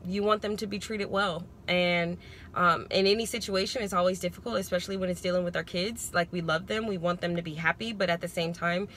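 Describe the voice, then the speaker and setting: A woman's voice: on the low side, fairly even intonation, brisk, fairly bright tone, slight background noise. A woman talking casually to viewers in a parenting vlog, explaining her advice in a conversational, emphatic way. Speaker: parenting vlogger.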